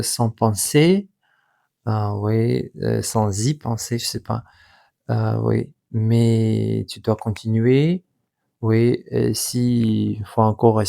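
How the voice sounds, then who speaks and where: A young Russian man speaks accented, non-native French in a casual vlog style. His voice is soft-edged and mellow, at a middling pitch. He goes slowly and haltingly, hunting for words and correcting himself as he goes. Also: gravelly. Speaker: vlogger and language learner. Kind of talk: casual unscripted vlog talk.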